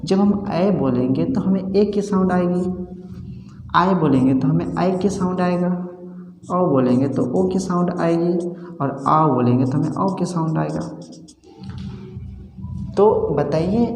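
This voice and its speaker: Slow-speaking male Hindi teacher, echoey room. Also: a little high, darkish tone, slight background noise. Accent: Bhojpuri-tinged Hindi. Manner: drills with questions and answers, repeating key syllables. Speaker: Sanskrit teacher. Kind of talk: classroom grammar lesson. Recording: roomy echo with long reverb, faint music.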